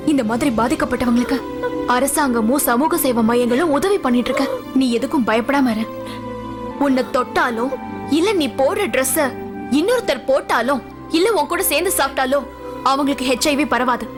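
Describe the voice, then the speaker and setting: A woman's voice: high-pitched, natural voice. An actress dubbing a caring, strong-willed young woman who speaks earnestly and reassuringly. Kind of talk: Tamil film dub. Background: film score.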